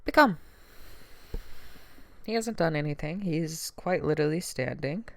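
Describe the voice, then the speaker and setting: A woman's voice: sits low, expressive, unhurried, creaky, no room sound, clean studio sound. A woman streamer reading a story aloud, reading the narration evenly and then breaking off into chatty, giggly asides.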